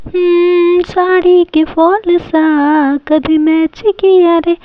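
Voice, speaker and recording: A woman's voice: sits high, moderate pace, no room sound, natural voice. A woman voicing a fretful village mother who pleads and sobs in a doll-play story. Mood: pleading. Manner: pleading, dramatic, sobbing. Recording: dull lo-fi home recording.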